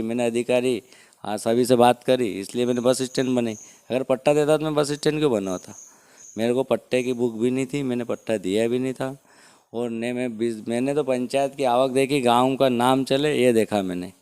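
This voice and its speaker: A man's voice: mid-range voice, a little mellow, clean tone. A man, a village head defending himself in an interview, insisting on his point with repeated rhetorical questions.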